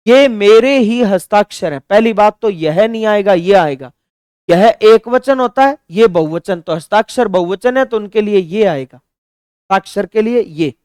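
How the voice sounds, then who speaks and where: A man teaching a Hindi grammar lesson for exam preparation. He reads example sentences slowly, then corrects them emphatically. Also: high voice, clean tone, dry recording, studio quality. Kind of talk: exam-prep grammar lecture.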